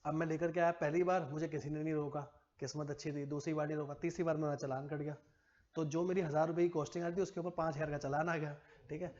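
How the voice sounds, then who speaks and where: A man's voice: a little high, flat delivery, quick pace, a little mellow, lo-fi sound. A man teaching commerce to a classroom, chatty and teasing, quizzing his students as he goes. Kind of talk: classroom lecture.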